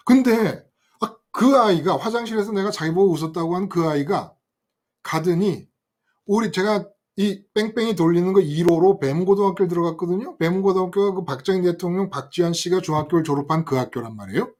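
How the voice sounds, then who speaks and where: An older man preaching a sermon, telling a story from his youth in an animated way and speaking directly to his listeners. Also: high voice, a little fast. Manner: animated, acts out quoted voices and addresses listeners directly. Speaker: pastor.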